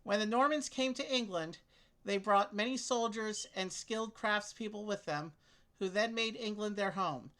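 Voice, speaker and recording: A woman with a crisp, bright voice and mid-range pitch. She reads game clue texts aloud steadily, then chats casually with a co-player while they work out a solution. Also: normal speed. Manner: steady, clear reading of clue text. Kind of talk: reading game text aloud and casual game chat.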